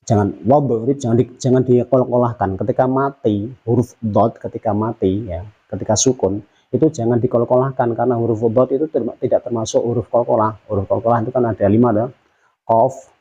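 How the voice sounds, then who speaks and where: A man with an Indonesian accent, teaching Quran pronunciation patiently and repeating drawn-out syllables to demonstrate. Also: medium pitch, fairly even intonation, warm tone, breathy edge, dull audio. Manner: patient, explanatory, uses many fillers. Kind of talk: tajwid pronunciation lesson.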